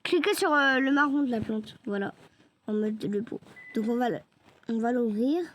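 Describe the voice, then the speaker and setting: A young woman who creates gaming videos gives casual gameplay commentary, stammering, apologizing, and often dropping into whispers. Her voice is on the high side, and her pace is moderate.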